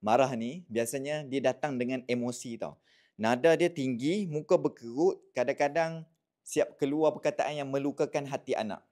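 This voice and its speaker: Man, Malaysian accent, mid-pitched voice, casual parenting advice, lively, mixes in English words, keeps checking in with listeners. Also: moderate pace. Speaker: parenting content creator.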